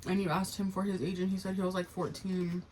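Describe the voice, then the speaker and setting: A woman's voice: fairly low pitch, flat delivery, fast talker, darkish tone, slight background noise, rough recording. A woman co-hosting a podcast in casual chat, earnest and slangy, speaking straight to listeners. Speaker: podcast co-host.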